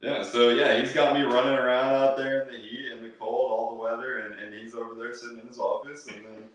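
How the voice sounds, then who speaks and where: A man's voice: mid-range voice, flat delivery, brisk, very echoey, distant mic, poor audio. A young man, a podcast guest, talking in a laid-back, agreeable way. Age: young adult. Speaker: podcast guest, door knocker. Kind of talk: casual interview chat.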